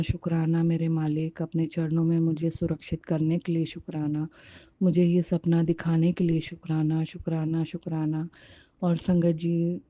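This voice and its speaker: Low, dark-voiced woman giving fervent thanks. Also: no echo, muffled recording. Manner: fervent, repeats words of thanks over and over. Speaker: devotee sharing a satsang testimony. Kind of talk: devotional testimony.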